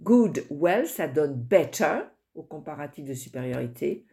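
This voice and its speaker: Slow, mellow-voiced French teacher. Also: female voice, sits low, animated. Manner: slow, explanatory, with many hesitations. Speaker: English teacher. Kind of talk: recorded grammar lesson.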